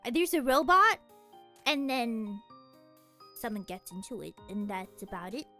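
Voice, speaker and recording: A young woman streamer chatting casually from her room, sleepy, talking fast and rambling with frequent laughter. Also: a little high, very animated, pushed and bright, soft background music. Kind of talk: casual chat.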